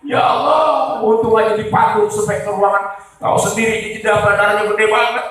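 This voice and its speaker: A man's voice: high voice, monotone, fast, a bit bright. A man giving a humorous sermon, telling stories and praying aloud dramatically to the audience. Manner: storytelling, addresses the audience often, prays aloud dramatically. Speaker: comedic preacher. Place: live event before an audience. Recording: very echoey, distant live venue.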